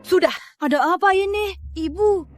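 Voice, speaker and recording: Shrill furious mother. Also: normal speed, soft background music. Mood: yelling. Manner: scolding, shouting. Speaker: mother of the heroine. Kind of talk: dubbed short drama acting.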